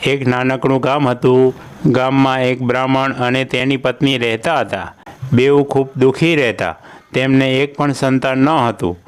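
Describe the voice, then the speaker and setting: A man narrating a fairy tale in a calm, measured, scripted reading. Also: mid-range voice, clear, resonant tone. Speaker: storyteller.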